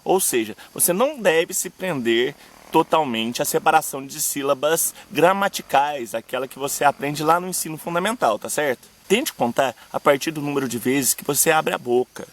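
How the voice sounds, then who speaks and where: Young Brazilian male teacher, slightly high voice, clear explanatory delivery, slows to recite verses. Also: lively intonation. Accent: Brazilian Portuguese. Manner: didactic, addresses viewers directly, slows to recite verse examples. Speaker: poetry teacher and channel host. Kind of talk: video lesson on poetic meter.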